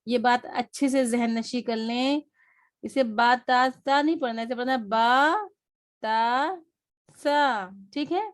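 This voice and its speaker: A woman gives an online lesson on reading letters. She speaks in a fairly high voice and repeats each sound slowly and patiently, as if her students are following along. She talks over a shared screen rather than to the camera. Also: fairly even intonation. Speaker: Quran reading teacher.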